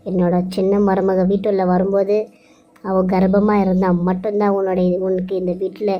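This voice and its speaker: A woman's voice: mid-range voice, muffled recording, natural voice. A woman voicing a harsh, scolding middle-aged mother-in-law in a cartoon serial, with a stern, bossy manner. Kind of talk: Tamil cartoon serial voice acting.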